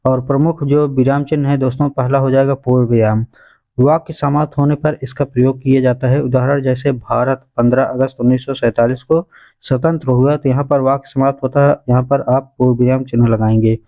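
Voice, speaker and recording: Guy teacher reading exam answers point by point, mellow voice, kinda dull lo-fi sound. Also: mid-range voice, steady tone, fairly quick. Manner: addresses listeners as friends, reads out answers point by point. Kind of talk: exam revision lesson.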